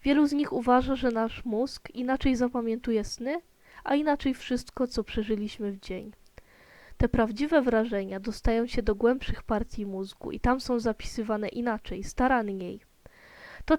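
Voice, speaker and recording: A woman voicing a kind, patient mother in a children's storybook, explaining things gently to her son. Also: on the high side, dry recording, lightly acted.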